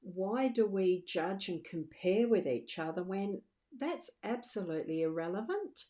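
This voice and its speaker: A woman's voice: mid-range voice, lively intonation, a little slow, dark tone. A middle-aged woman, a psychic medium, chatting reassuringly to viewers on a livestream, often restarting her sentences. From Australia. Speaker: psychic medium doing live card readings. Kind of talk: casual livestream chat.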